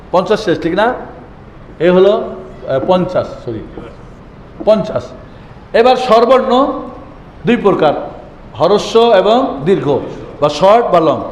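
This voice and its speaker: A man's voice: high voice, a little mellow, a little hiss or hum. A man teaching Quran reading as a classroom lesson, who asks his own questions and answers them and repeats the key words. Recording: echoey hall with faint ambience.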